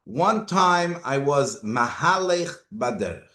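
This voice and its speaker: This rabbi, whose native tongue isn't Hebrew, teaches Torah slowly and expressively, weaving Hebrew and Yiddish words into his English and asking rhetorical questions. His medium-pitched voice sounds pushed and bright, and the room is reverberant.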